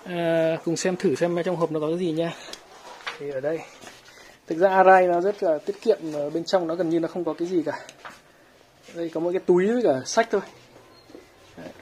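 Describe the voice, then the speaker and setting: A helmet shop owner chatting through an unboxing, pausing often with fillers. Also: mid-range voice, darkish tone, a little hiss or hum. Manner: hesitant, many fillers. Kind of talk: casual unboxing vlog.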